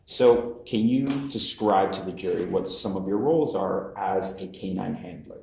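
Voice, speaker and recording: A man examines a witness in a steady, formal manner, his voice low and dark. It is a courtroom recording, roomy and echoing off the walls, with a faint hiss underneath. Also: creaky. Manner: measured, formal questioning with restarts. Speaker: prosecutor.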